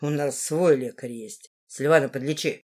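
Woman voicing Rufus, a cruel lowered-voice young lord. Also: moderate pace, darkish tone. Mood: menacing. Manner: menacing, growling threats. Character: cruel hot-tempered young male lord.

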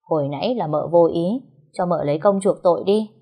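Woman voicing a brash, shrill young wife. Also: brisk, breathy edge. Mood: mock sweet. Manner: shrill, hot-tempered shouting.

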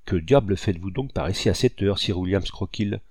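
A man's voice: low voice, a little fast, darkish tone, breathy edge, no room sound, studio quality. A man voicing a tough male hunter who talks in a mocking, teasing way.

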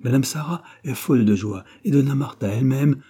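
A man's voice: mid-range voice, brisk, dark tone, husky, voice pushed up, close to an everyday voice. A man voicing a weak, agitated young male professor in a storybook reading. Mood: fervent. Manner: feverish, irritated.

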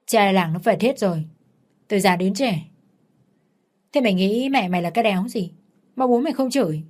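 A woman's voice: medium pitch, animated, normal speed, a little mellow, close to an everyday voice. A woman voicing a curt, abusive husband. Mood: harsh. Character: violent, bullying young husband.

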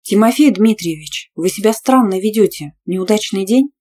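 A woman's voice: mid-range voice, animated, moderate pace, pitched above the performer's own voice, close to an everyday voice. A woman voicing a young female student who answers back sharply and defiantly. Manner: sharp, defiant, easily outraged.

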